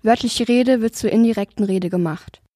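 A woman's voice: fairly high pitch, normal speed, dark tone, no echo. A woman explaining writing rules in a school presentation, in an instructive way. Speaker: student explaining. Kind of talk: scripted explanation.

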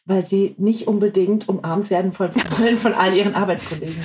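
A woman in casual podcast conversation, chatty and curious. She often asks questions and fills her pauses with small sounds. Her pitch sits in the ordinary middle range. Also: background noise. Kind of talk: casual chat.

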